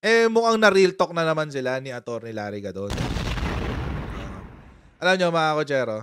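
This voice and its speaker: Animated, laughing male political vlogger. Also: on the high side, moderate pace, noisy background. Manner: animated, laughs often, mixes in English. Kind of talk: casual political commentary livestream.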